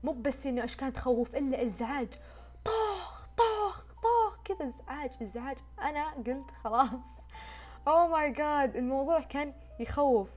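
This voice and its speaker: Fast, chatty woman. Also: high-pitched. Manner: chatty, expressive retelling. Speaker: vlogger. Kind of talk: casual storytime chat.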